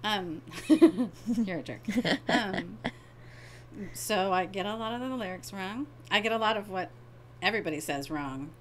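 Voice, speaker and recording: A middle-aged woman co-hosting a podcast with her daughter, chatty and self-deprecating with quick asides. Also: mid-range voice, fairly bright tone, a little hiss or hum, low-quality recording. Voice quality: hard of hearing. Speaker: co-host, mother. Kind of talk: casual podcast chat.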